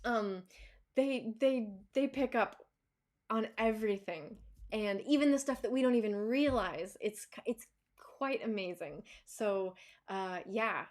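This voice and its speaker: A woman's voice: mid-range voice, measured pace, a little mellow. A woman dog trainer answering viewer questions in a casual live chat, talking loosely with many fillers and restarts and laughing easily.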